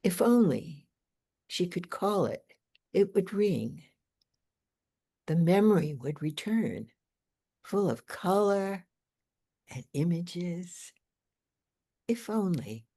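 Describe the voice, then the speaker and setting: A woman, the featured poet, reading her own poetry aloud in a measured, deliberate way. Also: on the low side, sing-song, mellow. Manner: slow, deliberate, measured delivery.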